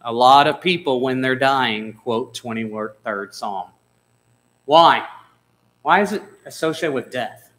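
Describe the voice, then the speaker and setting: Bright-voiced man preaching a sermon. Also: medium pitch, slow, poor audio. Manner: conversational, asks the congregation questions. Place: church sanctuary.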